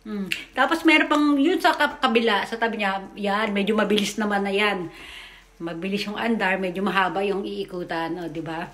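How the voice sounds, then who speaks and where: A chatty woman talks over her family video, keeping the tone casual and loose. She sits at a mid pitch, and her voice rings a little in a roomy space. She trips over her words now and then and keeps tossing in little tag questions. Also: moderate pace, a bit bright, slight background noise. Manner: chatty, tags lines with "o, di ba?"; stumbles over words and admits it. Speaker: family vlogger and mother.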